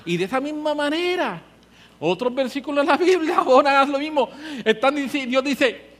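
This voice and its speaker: High-voiced passionate male preacher. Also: lively intonation, moderate pace, fairly bright tone. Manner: passionate, emphatic, with rising and falling volume. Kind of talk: sermon.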